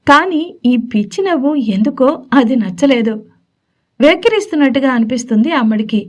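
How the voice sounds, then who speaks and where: High-voiced woman narrating a romance story. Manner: expressive, lively storytelling. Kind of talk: scripted audio-story narration.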